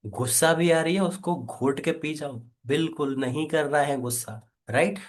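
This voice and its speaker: ऊर्जावान, ऊँची आवाज़ वाला हिंदी ट्रेनर पुरुष. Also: male voice, a little high. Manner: energetic, coaxing, repeats "right?" and "quickly". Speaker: affiliate marketing trainer. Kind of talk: live online training session.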